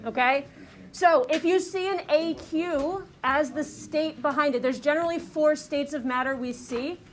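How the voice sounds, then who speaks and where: High-voiced woman teaching chemistry. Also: unhurried, slight background noise. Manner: checks in with frequent "okay?" and "right?". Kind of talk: classroom lecture. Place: classroom.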